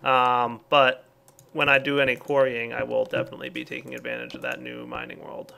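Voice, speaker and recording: A man's voice: mid-range voice, a little fast, vocal fry, bright, forceful tone, a little hiss or hum. A man casually commenting on his game as he plays, thinking aloud with lots of fillers. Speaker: let's play host.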